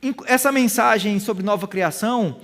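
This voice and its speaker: Male Bible teacher, Brazilian accent, high voice, preaches a lively lesson with questions to the room. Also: moderate pace. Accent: Brazilian Portuguese. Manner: animated preaching, questions to the audience, acts out quoted voices. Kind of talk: sermon-style Bible lesson.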